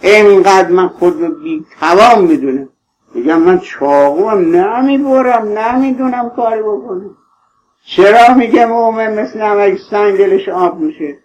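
Male preacher, high voice, fervent pleading sermon delivery. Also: lo-fi sound. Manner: impassioned, pleading, addresses listeners tenderly.

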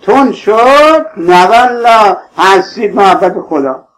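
High-voiced impassioned male preacher. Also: lively intonation, a bit bright, poor audio. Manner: impassioned, pleading, addresses listeners tenderly. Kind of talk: sermon.

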